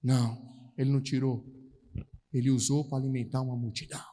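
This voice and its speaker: A man with a Brazilian Portuguese accent preaching a charismatic sermon at a retreat, animated, calling out to the brothers and acting out Bible scenes in slangy everyday voices. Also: medium pitch, brisk. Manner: calls out to the audience, repeating "irmãos". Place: large hall at a retreat. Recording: reverberant hall sound.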